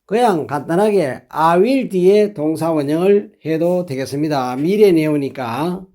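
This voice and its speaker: A man teaching English phrases in a lesson, explaining deliberately and repeating each phrase slowly for learners to copy. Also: a little high, expressive, warm tone.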